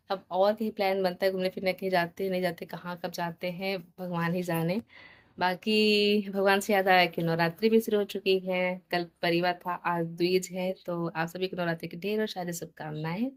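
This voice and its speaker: Low, flat-voiced woman vlogging. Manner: chatty, mixes English into Hindi. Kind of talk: casual family vlog.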